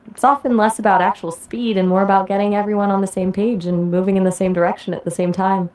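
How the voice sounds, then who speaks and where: A woman's voice: medium pitch, a little mellow. A woman's AI assistant voice giving polished conversational explanations, ending each answer with a question back.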